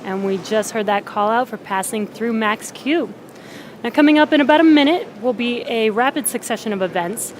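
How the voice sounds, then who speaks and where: A woman hosts a live launch broadcast with explanatory commentary. Her voice sits a little high. Faint noise runs underneath. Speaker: launch webcast host.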